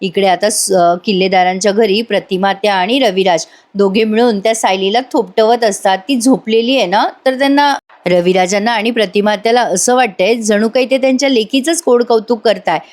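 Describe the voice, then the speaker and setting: A woman's voice: mid-range voice, fairly quick, a little mellow. A woman, chatting through a voice-over retelling of a TV serial episode and acting out the characters' lines. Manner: chatty, asides to the audience, acts out dialogue in a raised voice.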